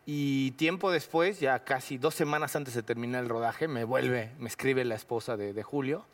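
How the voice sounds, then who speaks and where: A man with a Mexican accent, an actor guest telling a lively anecdote full of slang and quick asides. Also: medium pitch.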